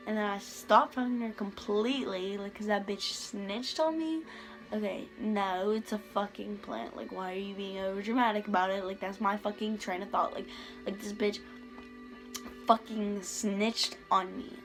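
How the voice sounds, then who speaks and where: A woman's voice: mid-range voice, rough recording. A teenage girl telling a storytime vlog in rambling casual chat, with heavy "like" fillers and frequent swearing. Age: teens. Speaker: vlogger.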